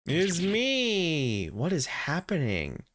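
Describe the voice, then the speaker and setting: A man's voice: on the high side, wildly swooping pitch, very slow, fairly bright tone, a little hiss or hum. A man giving casual video game commentary, musing aloud and swearing now and then. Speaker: let's player.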